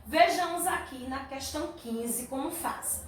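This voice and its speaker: A woman's voice: sits high, measured pace, slight background noise. A woman teaching a children's class, patiently going through workbook answers, drawing words out and praising the pupils. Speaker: primary school teacher. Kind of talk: classroom lesson correcting workbook exercises. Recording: echoey room, mic at a distance.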